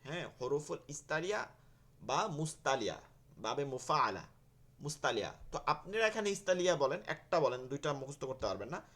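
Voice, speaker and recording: Man, teacher, slightly high voice, repetitive drilling, patient class pace. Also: sing-song, a little fast, fairly bright tone. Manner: repeats letters and drills students, asks and answers own questions. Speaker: Quran teacher. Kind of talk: online class lesson.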